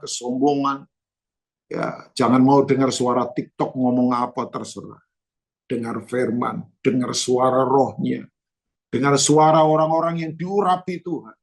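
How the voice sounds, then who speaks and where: Gravelly husky male pastor preaching. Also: medium pitch. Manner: conversational preaching with storytelling and English phrases. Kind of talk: church sermon. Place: church.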